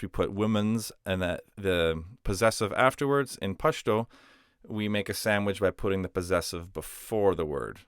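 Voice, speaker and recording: A man's voice: lowish voice, no room sound, studio quality. A man explaining a grammar lesson patiently, step by step, with some "uh"s and restarts. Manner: patient, step-by-step explanations with frequent "uh" and self-corrections. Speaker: language teacher.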